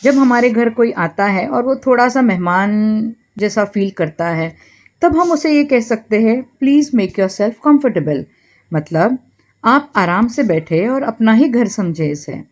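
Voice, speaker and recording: A woman teaching spoken English phrases, saying them slowly and deliberately for learners to repeat. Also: on the high side, lively intonation, highs cut off. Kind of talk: bilingual language lesson.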